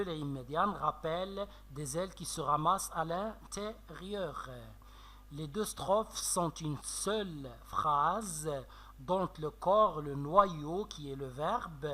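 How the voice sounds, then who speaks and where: A man teaching a French literature lesson with a Moroccan French accent, explaining slowly with many fillers and checks of "d'accord?". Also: on the high side, bright, forceful tone. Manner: slow, explanatory, frequent "euh" and "d'accord?". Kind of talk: classroom lecture on poetry analysis.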